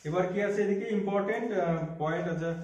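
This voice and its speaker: Casting note: man, higher-pitched, quizzing a class in a very echoey room. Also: very fast, a little mellow. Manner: quizzing students, prompting and correcting. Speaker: quiz teacher. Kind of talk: casual GK quiz practice.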